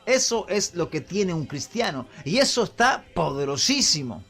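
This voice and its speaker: Preacher guy, high voice, very animated, faint music behind. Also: moderate pace. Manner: preaching with call-and-response prompts to the congregation. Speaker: pastor. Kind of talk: sermon.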